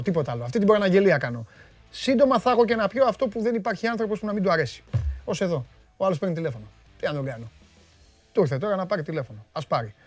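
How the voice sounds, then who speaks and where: Greek guy hosting a live sports stream, high voice, dry close sound, jokey and chatty. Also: dry recording. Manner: joking, teasing, talks over the guest. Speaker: host of a live sports show. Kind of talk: lively live-stream chat.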